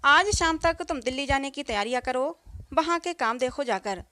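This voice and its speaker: A woman's voice: high voice, lively intonation, moderate pace, pushed and bright, dry recording. A woman voicing a stern elder brother-in-law who heads the household and gives firm commands. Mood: commanding.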